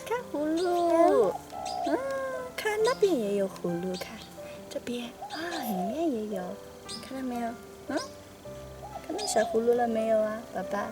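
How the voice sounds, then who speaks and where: High-voiced woman coaxing a small child. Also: big pitch swings, normal speed, long pauses. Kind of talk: casual talk to a small child. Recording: loud music over the voice.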